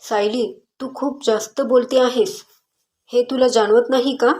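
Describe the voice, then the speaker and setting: A woman's voice: mid-range voice, fairly even intonation, unhurried, a little mellow, close to an everyday voice. A woman voicing a stern, short-tempered middle-aged father who insists and scolds in a story reading. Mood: angry.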